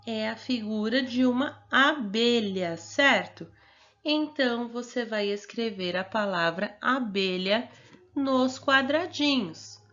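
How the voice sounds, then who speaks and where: A woman's voice: a little high, a bit bright, highs cut off. A woman teacher with a Brazilian Portuguese accent, giving a recorded lesson to young children and patiently sounding out words syllable by syllable.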